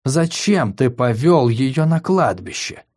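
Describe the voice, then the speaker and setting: A male audiobook reader voicing a calm, patient male healer who asks questions in a gentle, measured way. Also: mid-range voice.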